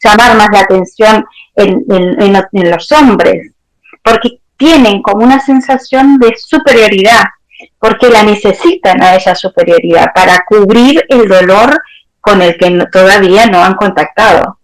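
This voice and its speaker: Brief: woman therapist, mid pitch, thoughtful and unhurried as a guest. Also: poor audio. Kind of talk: interview answers.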